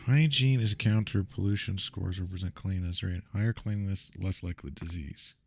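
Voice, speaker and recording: A man's voice: sits low, brisk, gravelly, a little mellow, faint music behind. A man giving casual gameplay commentary, thinking aloud and muttering to himself. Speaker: gaming video host. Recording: dull, muffled audio with faint noise.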